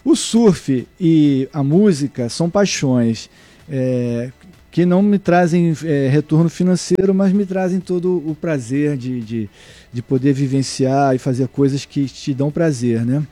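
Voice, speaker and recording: A middle-aged man from Brazil, a guest surfer and surf instructor, answering interview questions in a halting way with many restarts. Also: a little high, dark tone, dry recording. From Brazil (born in Salvador, raised in Niterói). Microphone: remote mic, at first too far away.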